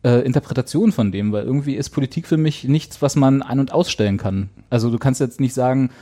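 A man's voice: medium pitch, quick pace, dark tone. A man hosting a casual talk show, rambling thoughtfully with many fillers and restarts. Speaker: show host. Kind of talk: casual chat.

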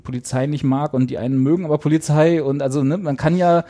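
A man's voice: a little high, fairly even intonation, fast, mellow. A man hosting a casual talk show, rambling thoughtfully with many fillers and restarts. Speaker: show host. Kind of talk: casual chat.

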